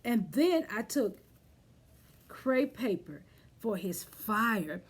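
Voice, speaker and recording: Hosting storytime at a children's library, this woman leads little ones through rhymes, songs, simple activities and crafts with an encouraging, sing-song manner. Her voice is a little high and animated, with drawn-out words and a breathy edge.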